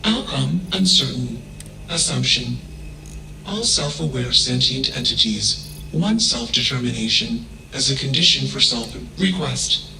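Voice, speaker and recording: A man voicing a cold, logical male ship AI in a video game, speaking in flat, emotionless, clipped statements. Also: medium pitch, measured pace, creaky, reverberant, a crowd in the background, rough recording.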